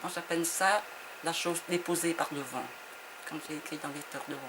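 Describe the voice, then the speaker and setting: A woman author from Vietnam talks in a hesitant, reflective interview, often repeating words as she searches for them. Her voice sits a little low. The recording carries a clear noisy background. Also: steady tone, fairly quick. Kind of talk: interview conversation.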